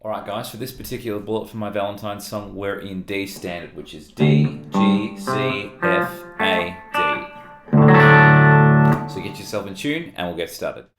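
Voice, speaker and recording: Australian male guitar tutor, easygoing walkthrough, slightly low voice, roomy sound. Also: moderate pace. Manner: relaxed, explanatory, counts notes aloud. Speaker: guitar teacher.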